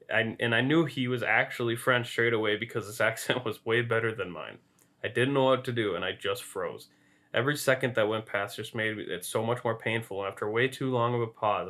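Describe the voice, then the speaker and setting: A man's voice: medium pitch, bright, forceful tone. A man co-hosting a podcast, reading a story aloud and laughing now and then as he reads. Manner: amused, laughs while reading. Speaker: podcast co-host.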